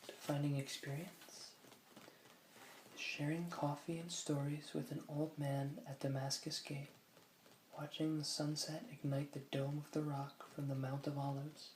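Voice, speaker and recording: A person whispering softly in an ASMR style, reading aloud from a book slowly, with musing asides. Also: medium pitch, flat delivery, reverberant, a little hiss or hum, low-quality recording. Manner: slow, musing asides between read passages. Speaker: ASMR host.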